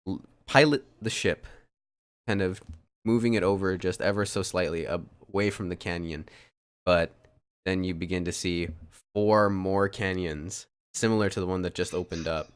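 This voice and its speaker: A man's voice: low-pitched, clean tone. A man running a tabletop game as dungeon master, narrating loosely with many ums and restarts.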